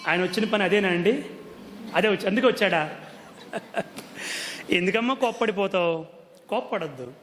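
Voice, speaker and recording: Man, very high voice, devotional discourse, earnest storytelling, long hall reverb. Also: lively intonation, quick pace, a bit bright, soft background music. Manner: explains earnestly, often coaxes listeners with "andi". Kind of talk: religious discourse.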